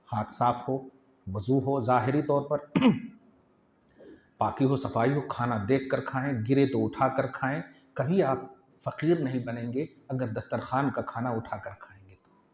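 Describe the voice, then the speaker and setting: A man's voice: medium pitch, a little hiss or hum. A man preaching a sermon, asking rhetorical questions and acting out bits of speech. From Hyderabad, India. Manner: animated, rhetorical questions, acts out quoted speech. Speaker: Islamic preacher. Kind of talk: Urdu sermon with personal anecdotes. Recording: echoey, dull lo-fi hall recording.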